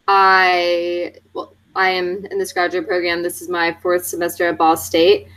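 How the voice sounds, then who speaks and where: A woman from North Carolina, a behavior technician, gives a measured self-introduction. Her voice sits a little low and she speaks very slowly. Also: completely flat delivery, fairly bright tone, rough recording. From North Carolina, USA. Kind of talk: class presentation.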